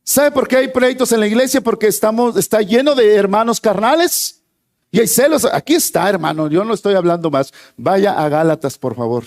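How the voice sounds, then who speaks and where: Male preacher with a high voice. Animated and questioning, with loud peaks. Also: normal speed. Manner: lively, rising to near-shouts on key points, then dropping low; questions the congregation often. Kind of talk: sermon.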